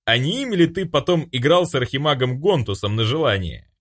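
A man's voice: medium pitch, expressive, fairly quick, close to an everyday voice. A smirking demon, read by a man. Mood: teasing. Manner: teasing, smirking. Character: sly mocking male demon. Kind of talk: audiobook character voice.

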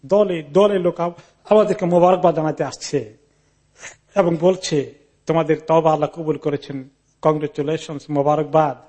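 A man with a high, husky voice and a dark tone gives a lecture of Quran commentary. He recites an Arabic narration and explains it piece by piece, retelling the story in the first person while mixing English words into his speech.

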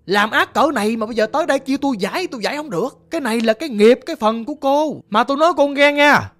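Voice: high voice, animated, rapid-fire, a bit bright, voice pushed up. Narrator playing a stern scolding shaman. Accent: Southern Vietnamese. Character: stern male village shaman.

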